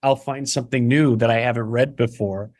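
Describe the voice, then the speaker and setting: Animated man talking about his stage work. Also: medium pitch, dry recording, studio quality. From Chicago area (Barrington). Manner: animated, quick, many restarts and "you know"s. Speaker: playwright and solo stage performer, guest. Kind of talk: casual interview conversation.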